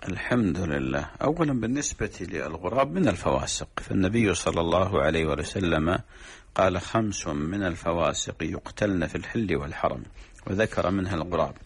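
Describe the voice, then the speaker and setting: A man, a sheikh, explaining religious rulings in a measured, teaching way on a radio program. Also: deep voice, expressive, husky. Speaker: sheikh answering religious questions.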